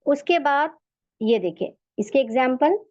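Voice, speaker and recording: A high-voiced woman with an Urdu accent teaches recitation at an unhurried pace, patiently repeating each sound so students can copy it. The recording is dry and a little dull. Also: animated, darkish tone, dry recording. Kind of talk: slow step-by-step lesson.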